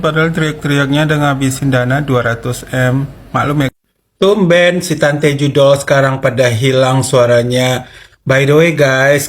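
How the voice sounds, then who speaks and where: A man hosts a channel, giving casual, sarcastic commentary and teasing his viewers as he coaxes them to respond. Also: medium pitch. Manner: teasing, sarcastic, coaxing the audience.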